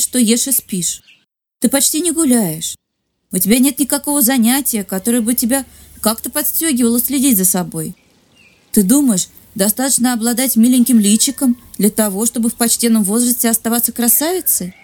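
A narrator voicing a tired fairy mother who gently scolds her daughter in a storybook. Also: very high-pitched, expressive, fairly quick, pitched above the performer's own voice. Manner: sad, admonishing.

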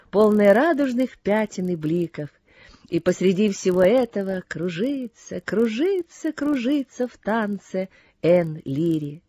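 A woman reading a story aloud as narrator, in a slow, soft and lyrical manner. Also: mid-range voice, dry recording, clean studio sound. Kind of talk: audiobook reading.

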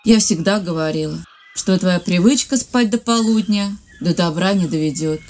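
A narrator voicing a tired fairy mother who gently scolds her daughter in a storybook. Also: sits high, normal speed, soft background music, pitched above the performer's own voice, close to an everyday voice. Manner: sad, admonishing.

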